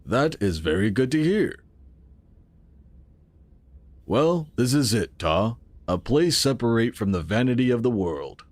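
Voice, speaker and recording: A man performs the role of a futuristic city's calm, earnest founder for a sci-fi audio drama, laying things out formally and deliberately. Medium pitch, no echo, and a solemn, earnest mood.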